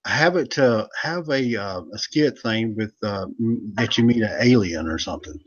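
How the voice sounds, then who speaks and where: A man's voice: on the low side, moderate pace. Rambling, laughing man on a lo-fi call. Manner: rambling storyteller, laughs a lot. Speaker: former pro wrestler and manager, guest. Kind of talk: casual joking chat on a live stream. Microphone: video call.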